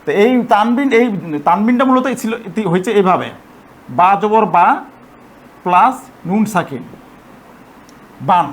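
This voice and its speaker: High-voiced man patiently teaching grammar. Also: animated. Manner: patient, repeats points and checks understanding; slows to spell out Arabic examples syllable by syllable. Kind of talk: explanatory lesson.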